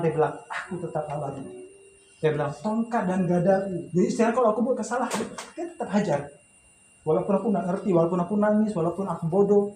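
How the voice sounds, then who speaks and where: Man, pastor, conversational sermon, fairly high voice, echoey room. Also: dark tone, slight background noise. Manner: conversational storytelling with laughs and restarts. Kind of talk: sermon at a memorial service. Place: home memorial gathering.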